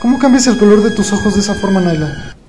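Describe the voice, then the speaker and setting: A man's voice: high voice, animated, fast talker, background noise. A man hosting a comedic reaction vlog, playful and dramatically mock-frightened. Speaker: YouTuber host. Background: background music.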